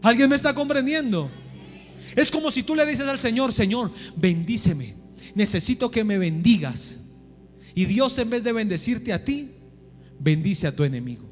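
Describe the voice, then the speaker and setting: A man's voice: very high-pitched, expressive, normal speed. A man preaching a sermon in a church, pressing his listeners with repeated rhetorical questions. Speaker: pastor. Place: church sanctuary. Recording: echoey church hall with music.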